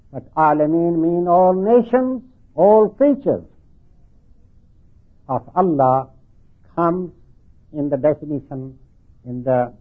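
Husky older preacher with denture-slurred, lips-over-teeth speech. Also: male voice, fairly high pitch. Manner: deliberate, halting, repeats phrases for emphasis. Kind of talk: religious sermon explaining scripture. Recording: thin phone-like band-limited sound.

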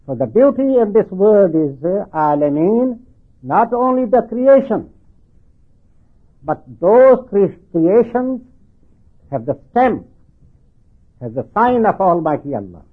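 An older man preaching and explaining scripture, deliberate and halting, repeating phrases, with slightly slurred lips-over-teeth articulation from artificial teeth. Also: high voice, big pitch swings, husky. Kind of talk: religious sermon explaining scripture. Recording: thin phone-like band-limited sound.

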